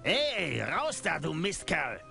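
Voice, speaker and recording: An actor voicing a gruff, dim, irritable monster manning a carnival cannon in a cartoon adventure game. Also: male voice, on the high side, wildly swooping pitch, slow pace, heavily acted. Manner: gruff, grumbling. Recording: loud game music behind.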